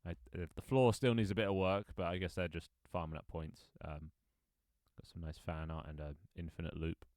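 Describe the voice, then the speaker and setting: A man in his twenties streams his own game, chatting casually with viewers, rambling with frequent ums and restarts and reading chat aloud. His low, slightly mellow voice has fairly even intonation at normal speed, recorded in studio quality with no room sound.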